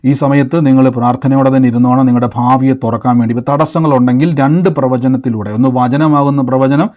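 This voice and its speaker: A man's voice: mid-range voice, steady tone, quick pace, a little mellow. A man preaching a live-streamed sermon, asking emphatic questions and leading the listeners in repeated declarations. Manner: emphatic, rising questions and call-and-response.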